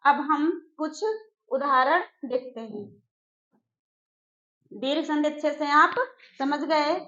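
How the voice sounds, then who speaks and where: A woman teacher giving an exam-prep grammar lesson, slowly repeating key phrases and putting questions to her students. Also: high voice, pushed and bright. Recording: echoey room, dull lo-fi sound.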